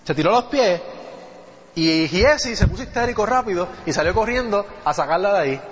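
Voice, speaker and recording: A man preaches a sermon, telling a Bible story and checking in with his listeners as he goes. His voice sits high, and long reverb from a large hall trails each phrase. The audio is dull and muffled. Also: lively intonation, a little fast. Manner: conversational Bible teaching, asks the congregation "¿viste?".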